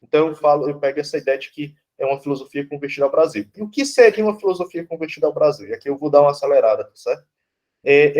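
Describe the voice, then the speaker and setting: With a fairly high pitch and darkish tone, a Brazilian man who teaches philosophy gives a blunt, informal, conversational lecture, peppering it with "né?" and "tá certo?" and swearing casually.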